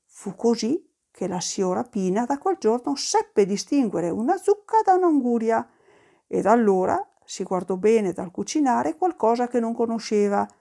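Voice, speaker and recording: Woman storyteller, lively rising and falling voice. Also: a little high, moderate pace, gravelly. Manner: lively, slips into dialect asides. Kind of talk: folk storytelling.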